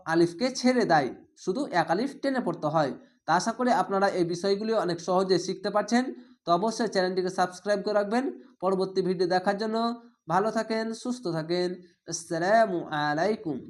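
Woman spelling out Quran words slowly. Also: mid-range voice. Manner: spells letters and vowel marks aloud, then blends them slowly; drawn-out chanted recitation of each word. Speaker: Quran reading teacher. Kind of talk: step-by-step spelling lesson.

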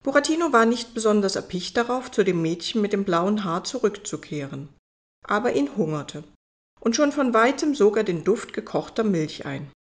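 A woman reading a fairy tale audiobook as its narrator, in a calm storytelling manner. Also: medium pitch, normal speed.

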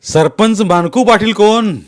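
A man's voice: sits high, unhurried, pitched above the performer's own voice. A man voicing a fierce, avenging village strongman who roars his demands. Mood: thundering. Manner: roaring, commanding.

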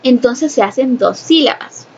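A woman's voice: high voice, expressive, unhurried, darkish tone, husky. A woman teaching an English phonics lesson, explaining step by step, repeating herself and asking rhetorical questions, switching between Spanish and English. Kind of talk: recorded classroom lesson. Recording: dull lo-fi sound with faint noise.

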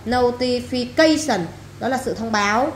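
A woman's voice: a little high, normal speed, fairly bright tone. A woman English teacher runs a vocabulary drill in a classroom. She says each word, repeats it and then explains it plainly. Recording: echoey room, faint background noise.

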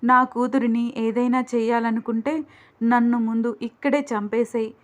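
A woman's voice: on the high side, normal speed, lightly acted. A woman voicing an angry, distrustful young wife and mother who speaks in a scornful, accusing way. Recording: dull lo-fi recording.

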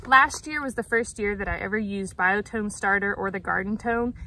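Mid-range in pitch and moderate in pace, her voice has a sharp edge as she conversationally explains her gardening for an outdoor vlog. She's in her thirties, and the low-quality recording has outdoor sounds clearly in the background.

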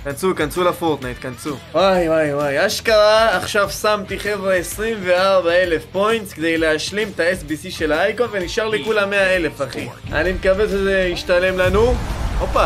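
A young man giving excited, slangy commentary while opening game packs, pleading for good cards and shouting at big pulls. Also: high voice. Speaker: gaming YouTuber. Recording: music playing underneath.

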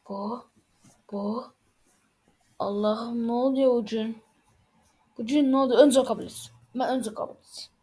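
Excitable high-voiced woman gaming. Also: breathy edge. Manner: excitable, exclaiming, rapid reactions. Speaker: game channel host. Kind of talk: casual gameplay commentary.

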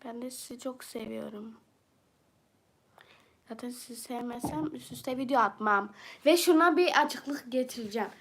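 A woman's voice: on the high side, moderate pace, pauses often. A woman from southeastern Turkey with a southeastern Turkish accent, chatting casually on a livestream and bluntly answering viewer comments.

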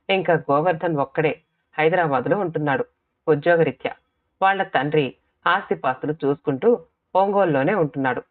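A steady storybook narrator at an ordinary middle pitch reads a short story, stepping into the characters' lines now and then. The sound is thin and phone-like. It is also very dry, with no room echo at all. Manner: steady storytelling voice, briefly switches into character quotes. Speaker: audiobook narrator. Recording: tinny phone-like dry audio.

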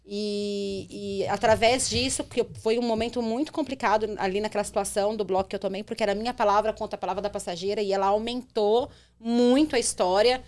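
A young adult woman, a rideshare driver telling a story on a podcast in an animated way. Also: medium pitch, fast, few pauses. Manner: animated, acts out quotes in her telling.

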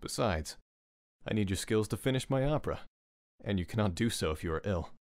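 A man's voice: lowish voice, lively intonation, brisk, no echo. A man voicing the Phantom of the Opera, a reserved, courteous ghostly man who speaks formally. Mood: restrained. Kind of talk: fan audio drama acting. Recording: dry close mic with faint music.

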